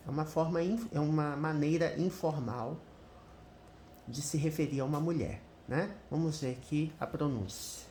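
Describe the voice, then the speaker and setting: A Brazilian woman with a low voice walks through an English lesson while she browses, thinking aloud and tossing in constant little check-ins with the viewer. The room is echoey, with a faint hiss under her voice. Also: moderate pace, dark tone. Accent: Brazilian Portuguese. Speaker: English teacher. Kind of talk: screen-share English lesson.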